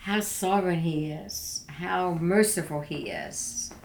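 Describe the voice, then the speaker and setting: A woman's voice: fairly low pitch, slow, gravelly, low-quality recording. An older woman speaking as an interview guest in casual, earnest testimony, repeating phrases for emphasis.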